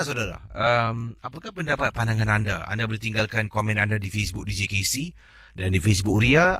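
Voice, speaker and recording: A man hosting late-night radio, reading a listener's ghost story in a measured, storytelling way. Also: medium pitch, bright, forceful tone, no echo, studio quality.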